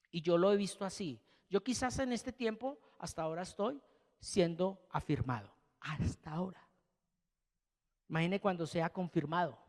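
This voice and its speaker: A man preaching a sermon, asking rhetorical questions and swinging between emphatic rises and quiet drops. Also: high voice, big-room sound.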